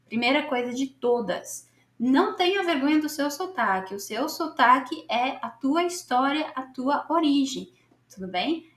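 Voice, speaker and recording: A woman's voice: high voice, expressive, measured pace, reverberant. A Brazilian woman teaching English in a casual, encouraging way, often checking in with her listeners. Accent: Brazilian Portuguese. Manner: chatty, encouraging, keeps asking "tudo bem?". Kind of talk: casual online English lesson.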